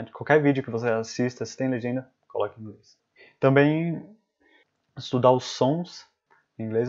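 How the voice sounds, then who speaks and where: A man's voice: medium pitch, a little mellow. Chatty male teacher, dull lo-fi audio. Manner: casual, repeats words and adds "né?" often. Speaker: English teacher. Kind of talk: live-stream lesson.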